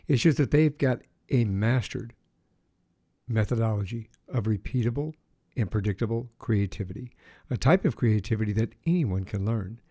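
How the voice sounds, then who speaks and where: A man hosts a podcast in a soft, mellow voice. He opens with a tidy scripted introduction before settling into a measured, conversational interview, often pausing on fillers as he gathers his thoughts. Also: mid-range voice. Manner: measured, hesitant with fillers when chatting. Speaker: podcast host.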